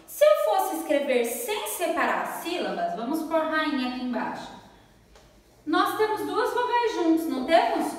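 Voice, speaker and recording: A woman with a high voice and a Brazilian Portuguese accent teaches at the board, patient and friendly, drawing words out slowly when she spells them. She is picked up from a distance in a strongly echoing room. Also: a bit bright. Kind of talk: classroom lesson at a whiteboard. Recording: echoey room, voice from far off.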